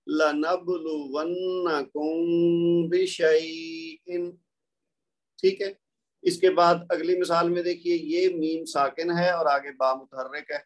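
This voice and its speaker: A man teaching a recorded lesson in a patient, explaining way, with a Pakistani Urdu accent. He stops often to recite the examples slowly. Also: fairly high pitch.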